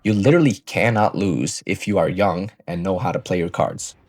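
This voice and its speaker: A young finance vlogger, early twenties, gives viewers an assertive, casual motivational talk full of swearing, mic held close. He has a deep, slightly mellow voice at normal speed, on a dry recording.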